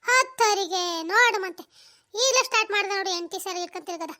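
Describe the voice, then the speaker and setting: A woman voicing a sharp-tongued village mother-in-law who curses and wails loudly in a cartoon. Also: very high voice, fast. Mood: bossy angry. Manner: loud cursing rants, wailing complaints. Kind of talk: cartoon voice acting.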